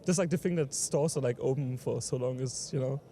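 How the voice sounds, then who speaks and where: A man's voice: medium pitch, a little fast, dark tone, a little hiss or hum. A man from Denmark answering a street interview in an easygoing way, with many "like"s. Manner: easygoing, fills with "like".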